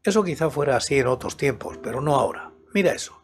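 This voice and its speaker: A man's voice: mid-range voice, lively intonation, fast, natural voice. An older man reading as mild, grumbling crook. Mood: reasoning. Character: stocky, deceptively placid criminal in his mid-thirties. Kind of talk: audiobook character dialogue.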